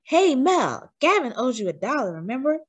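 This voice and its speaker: A woman's voice: high voice, very animated, moderate pace, slightly rough, voice pushed up, full character voice. A woman voicing Helen, a young girl best friend who sounds a little doubtful, in a storybook read-aloud.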